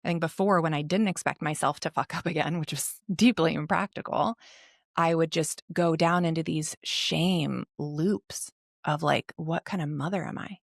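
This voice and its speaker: A woman's voice: low voice, fairly even intonation, moderate pace, vocal fry, no room sound, clean studio sound. A woman in her thirties, a mental health coach, speaking candidly and earnestly in a podcast interview and swearing often. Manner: reflective, earnest.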